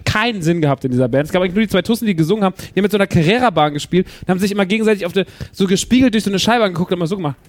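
A man's voice: sits high, expressive, very fast, hardly any pauses, no room sound. A man chatting casually and jokingly while counting down old chart songs. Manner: rowdy, jokey, breaks into singing.

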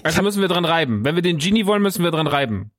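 A man's voice: fairly high pitch, big pitch swings, very fast, fairly bright tone, no room sound, studio quality. A man playing a tabletop role-play game, pushing and teasing the others. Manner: pushy and teasing. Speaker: player.

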